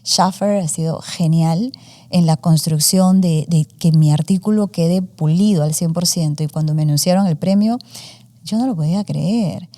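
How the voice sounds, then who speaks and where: In a relaxed interview, a student journalist in her forties whose first language is Spanish recounts her story, using many fillers and mixing in English words. She speaks at a moderate pace in a lowish, warm voice.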